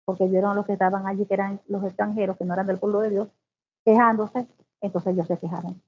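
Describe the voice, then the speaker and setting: A woman giving a devotional Bible teaching, reading scripture slowly and then explaining it with exclamations. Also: mid-range voice, flat delivery. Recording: tinny phone-like sound.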